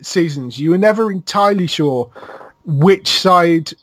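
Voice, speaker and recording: Man with a slightly high voice, affirming casually. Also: expressive, a little slow, dry recording. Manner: affirming with frequent "yeah", lists facts at length. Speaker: podcast co-host. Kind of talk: casual chat reviewing a TV series.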